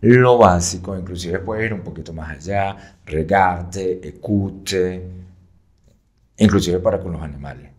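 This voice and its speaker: A man's voice: low voice, a little mellow. A man who teaches French, explaining patiently in an interview, with frequent fillers and checks like "right?".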